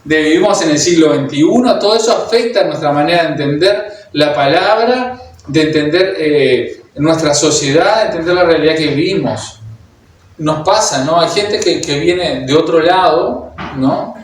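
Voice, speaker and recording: A man with a Uruguayan Spanish accent delivers a sermon in a slightly raised voice, pausing often on fillers and starting his sentences over. He sounds far from the microphone, with heavy echo from a large hall and a faint hum of room noise. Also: on the high side, lively intonation. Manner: hesitant, many fillers and restarts, speaks directly to the congregation. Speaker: preacher. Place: church hall. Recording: very echoey hall, heard from a distance.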